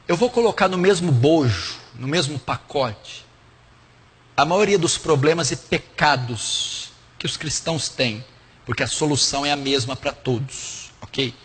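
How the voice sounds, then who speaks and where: A man's voice: on the high side, a little slow, a bit bright, breathy edge, in a large hall. A male pastor giving a frank, direct teaching sermon, listing points one by one. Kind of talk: teaching sermon answering a question.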